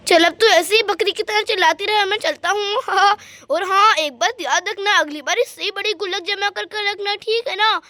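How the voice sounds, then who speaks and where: A woman's voice: very high-pitched, moderate pace, bright, forceful tone, dry recording. A woman voicing a sneaky, gloating male thief in a doll story, with mocking laughs. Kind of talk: doll story role-play.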